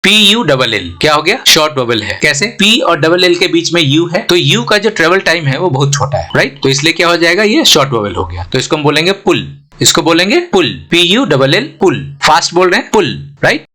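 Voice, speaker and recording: Man, pronunciation teacher, bright tone, slightly high pitch, repeats and spells words, checks if you follow. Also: big pitch swings. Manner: repeats words slowly, spells them letter by letter; asks the learner rhetorical checks. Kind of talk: explaining and drilling words.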